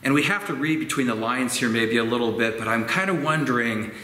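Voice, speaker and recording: A man in his sixties preaching a sermon slowly and gently in a church sanctuary, gesturing as he reflects. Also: medium pitch. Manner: slow, gentle and reflective, with expressive hand gestures. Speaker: pastor. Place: church sanctuary with organ pipes. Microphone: fixed camera at medium distance. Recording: roomy church echo, faint ambient noise.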